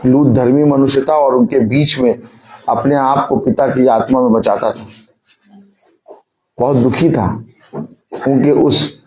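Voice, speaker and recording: A man's voice: mid-range voice, mellow, low-quality recording. A male preacher delivering a sermon, repeatedly putting rhetorical questions to his congregation and drawing call-and-response answers.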